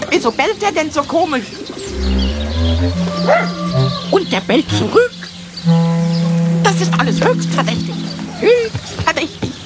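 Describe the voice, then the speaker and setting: A woman voicing a small, cheeky, excitable male kobold in a vintage cartoon style for a children's audio play, exclaiming and repeating words in a childlike way. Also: very high-pitched, moderate pace. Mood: suspicious. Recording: music behind the voice.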